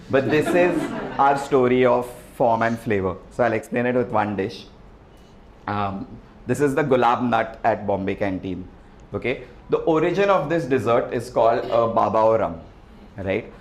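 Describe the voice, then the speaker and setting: A man's voice: on the low side, slight background noise. Chatty man in an echoey hall. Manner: relaxed, chatty, keeps adding "right?". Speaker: restaurant founder giving a talk. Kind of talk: presentation with slides. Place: event hall with an audience. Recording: echoey hall, faint ambience.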